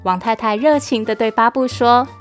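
A woman reads a children's story aloud, lively and expressive. Her voice sits a little high, with soft music faint in the background. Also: moderate pace.

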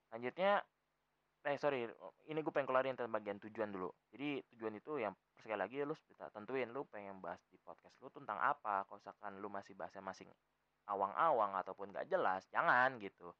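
This Jakarta podcast host is a young adult man with a Betawi accent and a fairly low voice, recorded dry with no echo but dull sound. His chat wanders, packed with fillers and frequent self-corrections.

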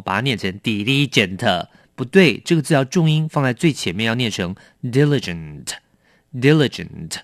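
A man's voice: mid-range voice, dry recording, studio quality. A middle-aged man hosting a radio English lesson, explaining each word and repeating it to drill the pronunciation. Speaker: English teacher and program host.

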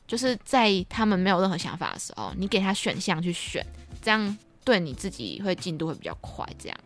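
With faint music behind her, a young camp counselor with a Taiwanese Mandarin accent chats as a podcast co-host, speaking a little fast in a lowish voice. She's animated, telling stories and imitating kids' remarks.

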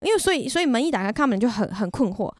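This podcast host races along, very animated at a fairly high pitch, in a dry, studio-quality recording. She speaks with a Taiwanese Mandarin accent, telling a personal story candidly and chattily while making fun of herself.

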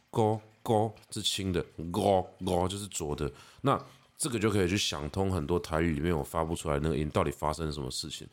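A man in his thirties with a Taiwanese Mandarin accent, hosting a podcast and patiently explaining pronunciation, slowly demonstrating sounds. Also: deep voice. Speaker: podcast host. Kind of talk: casual explanatory monologue.

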